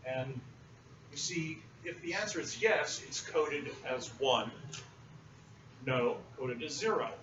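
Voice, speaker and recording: A male university lecturer teaching a class in a relaxed, explanatory way, often pausing with fillers. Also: fairly high pitch. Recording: roomy, muffled, distant classroom recording with noise.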